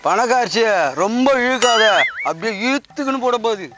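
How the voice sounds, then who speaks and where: High-voiced teasing man in a comedy sketch. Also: animated, lo-fi sound, very noisy. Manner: teasing, bantering, quick comebacks. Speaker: comedy sketch actor, father character. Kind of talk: Tamil village comedy sketch.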